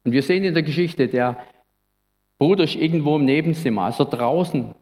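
A man's voice: a little high, brisk, darkish tone, long reverb tail. A male pastor giving an earnest, reflective Christmas sermon in a church, at times speaking casually. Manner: earnest, reflective, sometimes conversational.

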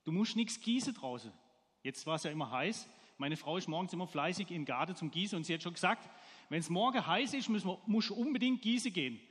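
A man delivers a sermon, telling a homely story and asking his listeners questions. His voice sits high for a man. A long reverb trails behind him in a church hall. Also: lively intonation, a little fast, a bit bright, slightly rough. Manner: storytelling, asks the congregation questions. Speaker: preacher.

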